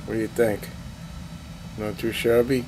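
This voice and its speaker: An older man talks slowly and deeply, clearing his throat now and then as he rambles in a self-deprecating way. He is filmed on a handheld camera in a cluttered basement hobby room, with a faint hum in the background. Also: level tone. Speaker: miniature painting hobbyist. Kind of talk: casual show-and-tell update.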